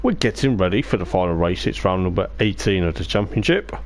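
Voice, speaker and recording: A man hosts a casual sim racing livestream as commentator, chatty and self-mocking, while his strained voice starts to give out. It sits low and sounds animated and brisk.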